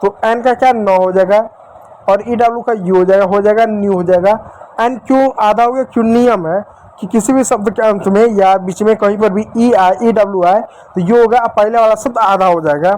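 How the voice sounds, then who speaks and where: A male English teacher gives a spelling lesson at a whiteboard, repeating himself, asking and answering his own questions, and addressing viewers as dear children. His voice sits high with a darkish tone at normal speed, on a low-quality recording.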